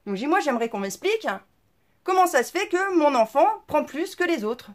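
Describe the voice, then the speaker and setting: High-pitched, indignant woman ranting. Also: big pitch swings, fairly quick. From France. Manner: indignant, blunt, crude slang, lots of fillers. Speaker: vlogger. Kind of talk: casual storytelling rant to viewers.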